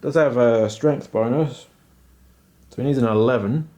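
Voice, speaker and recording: A man talks through his solo tabletop game in a casual, informal way. His voice sits at a medium pitch, and he drops in slangy, self-deprecating remarks as he goes. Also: normal speed, background noise.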